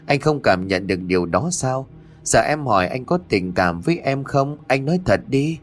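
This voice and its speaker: A man's voice: medium pitch, expressive, normal speed, soft background music, natural voice. A man doing a coaxing, secretive young woman.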